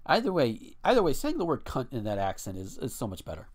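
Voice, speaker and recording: A man's voice: medium pitch, wildly swooping pitch, fast talker. A man co-hosting a casual podcast, talking bluntly and swearing freely, and sometimes reading a news article aloud. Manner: blunt and profane, ranting with restarts. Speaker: podcast co-host.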